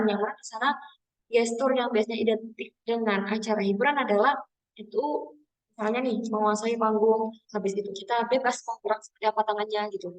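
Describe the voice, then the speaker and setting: A woman teaching a public speaking webinar in a casual, instructive way, often addressing her listeners as friends. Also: a little high. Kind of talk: webinar lesson. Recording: distant from the mic.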